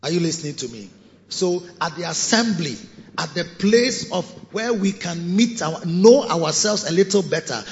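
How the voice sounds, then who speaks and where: Male bishop, high and lively preaching voice, booming cathedral echo, muffled recording. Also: normal speed. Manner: animated preaching with sung phrases and sudden drops to soft asides. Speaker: bishop and pastor. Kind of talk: sermon. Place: large cathedral hall. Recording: dull recording with long hall reverb.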